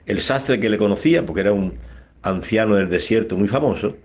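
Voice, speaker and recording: A man, a priest, giving a radio homily that rises in pitch on key words, with many rhetorical questions. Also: brisk, darkish tone. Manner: preaching, rising in pitch on emphasis, rhetorical questions. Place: radio studio.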